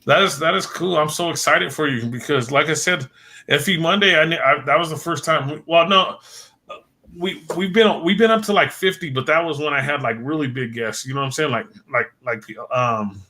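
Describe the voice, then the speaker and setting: With a slightly high, sharp voice at a moderate pace, a man runs a casual late-night livestream. He rambles, repeats words and thanks viewers by name as his worn voice fades away.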